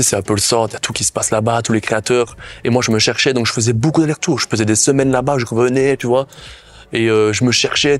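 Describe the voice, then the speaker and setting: A man's voice: medium pitch, no room sound. Chatty Belgian man, lots of asides. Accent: Belgian French. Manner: animated, rambling, frequent "tu vois". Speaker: guest, content creator. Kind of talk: casual interview chat.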